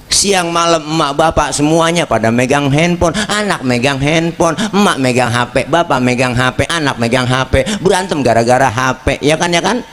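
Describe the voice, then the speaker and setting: A man's voice: on the high side, moderate pace, hardly any pauses. Joking preacher man. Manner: joking, lively, addresses the crowd directly. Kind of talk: comedic sermon.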